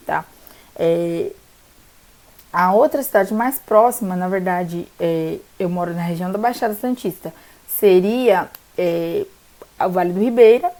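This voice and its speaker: A woman's voice: medium pitch, dark tone. A young woman from São Paulo, explaining exam rules in a chatty vlog and often checking in with "tá bom?". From Brazil, São Paulo state. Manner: chatty, peppers sentences with "tá bom?". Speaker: law graduate explaining bar exam rules.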